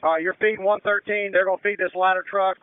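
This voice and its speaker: A man working as fire incident commander, giving brisk, procedural orders over a two-way radio. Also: sits high, steady tone, slight background noise. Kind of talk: emergency radio dispatch commands. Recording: narrow-band fire radio transmission.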